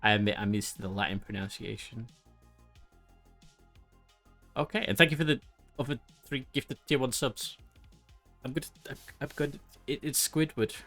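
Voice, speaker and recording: A man's voice: medium pitch, fairly quick, fairly bright tone, soft background music. Chatty, giggly male streamer. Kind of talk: casual live-stream chat.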